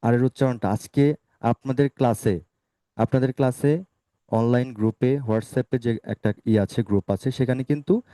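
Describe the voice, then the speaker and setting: A male teacher leading an online spoken English class, saying words slowly and asking students to repeat them. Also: mid-range voice, mellow, dry recording.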